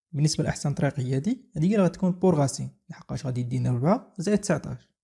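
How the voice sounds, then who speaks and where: Moroccan male instructor, quick explanatory delivery, husky fairly high voice, technical tutorial read. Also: mellow. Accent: Moroccan Arabic. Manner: rapid explanatory, mixing French and English technical terms. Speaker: networking instructor. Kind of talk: screen-recorded tutorial walkthrough.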